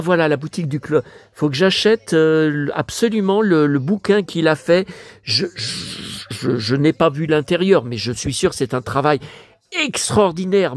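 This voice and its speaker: A man's voice: a little high, no room sound. An older man from France chatting casually as a vlogger, musing aloud as he reads English words in a French way. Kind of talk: casual chat while leafing through a book.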